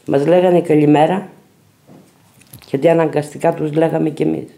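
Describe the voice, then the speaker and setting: A man's voice: fairly high pitch, level tone, creaky, mellow. A man, a parent, giving a bitter, accusing documentary testimony. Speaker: interviewee, parent.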